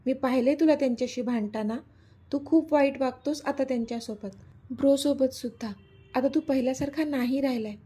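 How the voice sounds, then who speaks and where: A woman's voice: high-pitched, fairly quick, warm tone, slightly rough. A woman voicing a frightened, defiant young girl in an audio story. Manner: tearful, defiant.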